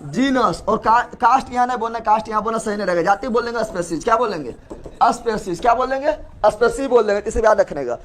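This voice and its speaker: A man teaches a class, his voice pitched well above most men's. He drills students by asking the same question again and again and answering it himself. Some lines come from farther off the mic and sound faint. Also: expressive, quick pace, a bit bright, a little hiss or hum. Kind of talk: classroom lecture with call-and-response.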